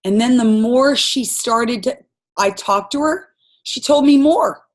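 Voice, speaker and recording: A woman's voice: a little high, unhurried. A woman coaching her sales team on a group call, giving an impassioned, rambling pep talk full of stories.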